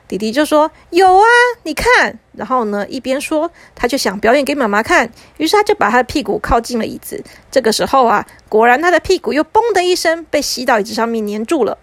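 A woman narrating a bedtime story for children in a gentle, lilting way. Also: fairly high pitch, lively intonation, dry recording. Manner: gentle, lilting with drawn-out particles.

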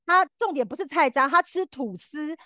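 A woman's voice: sits high, moderate pace, pushed and bright, dry recording, clean studio sound. A woman co-hosting a podcast, telling a story animatedly and acting out the quoted lines. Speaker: podcast co-host. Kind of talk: casual storytelling chat.

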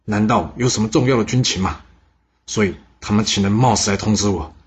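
A man tells history stories in a chatty, casual way, often turning to ask the listener questions. His voice sits low and is strongly husky. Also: a little fast, highs cut off. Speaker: podcast storyteller.

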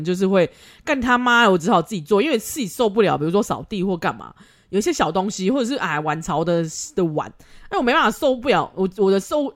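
Woman host, pitch that swings widely, frank and foul-mouthed, quick to laugh. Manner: blunt, swears freely, laughs often. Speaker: podcast host. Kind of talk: casual advice chat.

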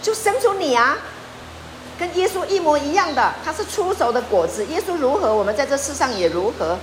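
A woman's voice: sits high, brisk, slight background noise. A woman pastor preaching a sermon, often asking her listeners questions. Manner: lively, asks the congregation questions.

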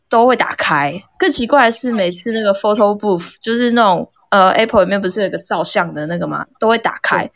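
A woman calls in to a live talk show and tells a friend's story. She chats casually and acts out the quoted lines with lively shifts in her voice. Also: medium pitch. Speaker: caller sharing a story.

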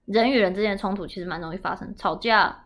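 Bright, fast-talking Taiwanese woman. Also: mid-range voice. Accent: Taiwanese Mandarin. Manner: animated storytelling, acts out quotes loudly. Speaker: podcast host. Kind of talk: casual chat.

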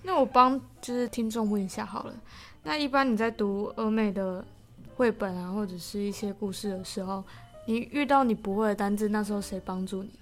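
A woman's voice: medium pitch, fairly quick, faint music behind. A woman standing in as interviewer on a podcast, asking questions in a friendly way.

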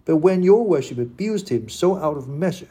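A man voicing a high, pleading servant lad. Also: animated, moderate pace, mellow, husky. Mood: aggrieved. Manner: pleading, complaining. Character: wronged young male servant lad, aggrieved. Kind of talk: audiobook character reading.

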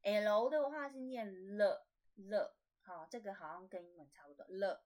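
A woman with a Taiwanese Mandarin accent hosting a casual language lesson podcast, slowly repeating sounds for learners. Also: mid-range voice, expressive, darkish tone. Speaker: podcast host teaching language.

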